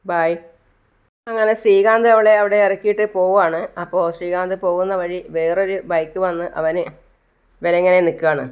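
A woman recounting a serial episode scene by scene, in an even, unfussy storytelling manner. Her voice sits slightly low for a woman. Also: a little fast, clear, resonant tone. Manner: plain, step-by-step narration.

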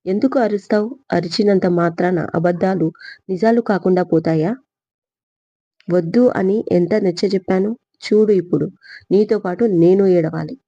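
A woman's voice: on the low side, steady tone, moderate pace, mellow, no room sound, lo-fi sound. A woman voicing a stern middle-aged mother who scolds and warns her daughter. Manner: reproachful, warning.

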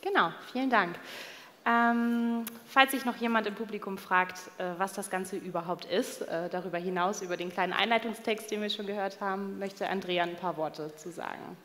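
A woman's voice: mid-range voice, fairly even intonation, moderate pace, a bit bright. Woman, 30s, panel moderator, casual, fillers, handheld mic, echoing hall. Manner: casual, with filler sounds and light laughs. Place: conference stage in a large hall. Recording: long reverb of event hall.

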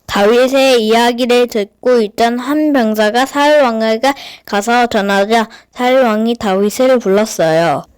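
A woman's voice: fairly high pitch, a little slow, hardly any pauses, clear, resonant tone. A woman narrating a scripted Bible story for children.

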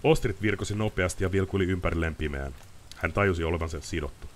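A man's voice: low voice, slight background noise. A man reading a novel aloud on a live stream, with casual asides. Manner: lively reading with chatty asides. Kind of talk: audiobook-style reading.

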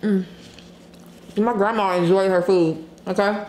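A woman vlogger chatting candidly while eating on camera, pausing to chew and hum over her food. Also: mid-range voice, steady tone, a little mellow. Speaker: mukbang vlogger. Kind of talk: casual mukbang chat while eating. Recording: echoey room, faint background noise.

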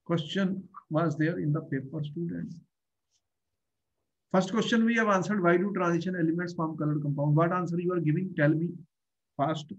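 A middle-aged man with a North Indian accent and a notably high voice tutors over a video call. He repeats key phrases and keeps checking with questions. The sound is slightly dull and muffled. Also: normal speed, breathy edge. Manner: repetitive, questioning, often addressing the learner. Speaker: chemistry teacher. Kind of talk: online tutoring lesson. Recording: dull, muffled online-class audio.

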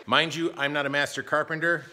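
A man's voice: fairly high pitch, little pitch movement, a little fast, sharp tone, slight background noise. A man in his thirties filming himself on a handheld camera in a big metal barn, chatting casually and joking about his own skills as he builds things, hot and sweaty. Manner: chatty, self-deprecating, working while talking. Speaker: homestead vlogger. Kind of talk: casual DIY vlog. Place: large metal barn, indoors. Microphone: camera at arm's length.

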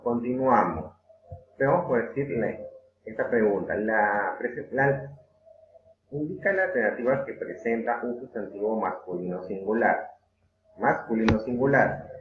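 A fairly low-voiced man with a Peruvian Spanish accent teaching an online grammar class. He goes patiently through examples, repeating words slowly and filling pauses with "eh". The sound is thin and phone-like, with an echoey room and a faint hiss. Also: animated. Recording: echoey room over a tinny phone-like line.

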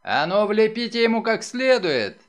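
A man's voice: high-pitched, very animated, unhurried, fairly bright tone, heavily acted. A man reading aloud and voicing a brutish young bully who jeers and snarls. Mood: furious. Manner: jeering, snarling, swaggering.

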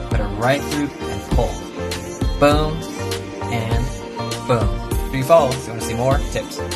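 A man in his thirties giving a brisk, upbeat step-by-step tutorial on fishing knots, recorded on a phone at a kitchen sink. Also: mid-range voice. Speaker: fishing knot instructor.

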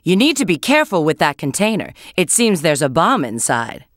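A woman's voice: low-pitched, sing-song, brisk, no echo, studio quality. A woman voicing a confident, sly adult female bat treasure hunter in a video game, coaching with a cool, knowing tone. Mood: coolly advising. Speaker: game character giving hints. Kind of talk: game voice acting.

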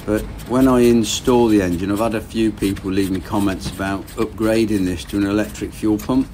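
A man's voice: lowish voice, fairly quick, a little hiss or hum. A man in his thirties casually narrating his engine rebuild as he works in a garage, thinking aloud. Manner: relaxed, plain-spoken, thinking aloud while working. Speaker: boat engine rebuild vlogger.

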